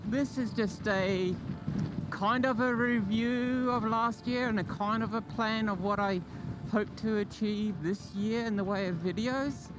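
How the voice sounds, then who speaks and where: A man vlogging casually and unscripted as host of his channel, talking in a rambling, loosely organised way. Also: high voice. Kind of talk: casual, unscripted vlog chat.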